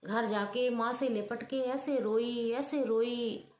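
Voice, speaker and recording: A woman telling a family story aloud, expressive and sympathetic, her voice sitting a little high. She is heard in a roomy space with a noticeable echo. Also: slow. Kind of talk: storytelling narration.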